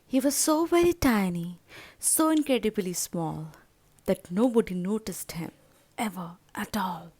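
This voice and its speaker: A woman storyteller reading a children's story aloud in a dramatic, expressive manner. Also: mid-range voice, measured pace, no echo.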